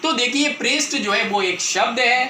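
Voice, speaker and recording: High, bright-voiced man teaching a lesson. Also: moderate pace. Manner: patient, repetitive explaining, addresses viewers as children. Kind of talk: Hindi grammar lesson. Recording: echoey room, faint background noise.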